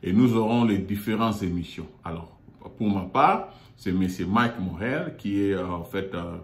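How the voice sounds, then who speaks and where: A man from Congo hosting his own online show, talking haltingly with many fillers and repeated words from a meeting room in an office. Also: low voice. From Democratic Republic of the Congo. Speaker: YouTube show host. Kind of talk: hesitant monologue. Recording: echoey room.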